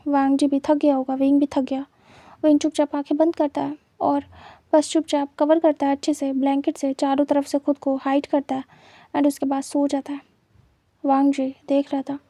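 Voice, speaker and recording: A woman narrates a fanfiction story in a steady, even reading, slipping English words into her sentences. Her voice is high yet very dark in tone, with little rise and fall, recorded close and dry. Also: moderate pace, no room sound.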